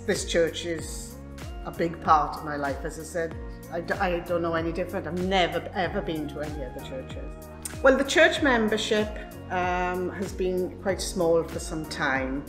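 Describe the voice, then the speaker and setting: A woman's voice: on the low side, moderate pace. An older woman, a church secretary, talking hesitantly with frequent ums in an interview inside a church. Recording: roomy church with background music.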